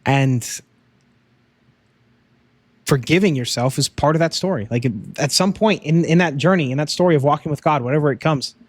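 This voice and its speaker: A man's voice: fairly high pitch, normal speed, pauses often, no room sound. A young man co-hosting a faith podcast, telling his testimony in an earnest, casual way with frequent "um" and "like". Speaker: podcast co-host.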